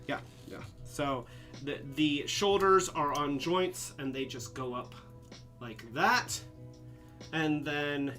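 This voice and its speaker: A man's voice: a little high, sharp tone. Tipsy man rambling through a toy demo. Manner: rambling, restarts, a bit tipsy. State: slightly drunk, slurring. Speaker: host of a toy live stream. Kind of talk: casual live-stream toy demo.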